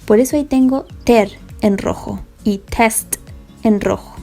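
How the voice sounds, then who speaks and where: Patient, mellow-voiced woman teaching. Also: a little high, unhurried, vocal fry, soft background music. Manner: patient, step-by-step explaining, checks understanding. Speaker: English teacher. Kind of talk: recorded classroom lesson.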